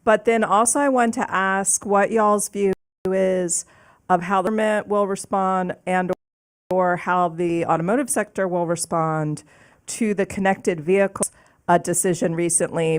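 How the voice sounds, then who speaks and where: Gravelly-voiced woman reporter asking questions. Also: lowish voice. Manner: detailed, methodical. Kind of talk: audience question at a panel.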